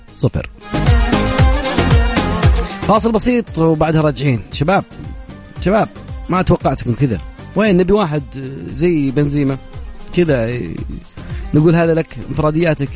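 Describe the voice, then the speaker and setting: A Saudi man hosts a radio quiz at a brisk clip, his voice sitting a bit high. He jokes and teases his callers between questions. Music plays under him throughout. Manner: jokey, teasing, quick banter with callers. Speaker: radio game show host. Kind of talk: lively radio call-in quiz hosting.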